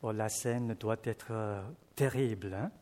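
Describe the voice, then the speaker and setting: A man preaching, reading scripture slowly and then commenting casually to his congregation with fillers and asides. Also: lowish voice, darkish tone, big-room sound.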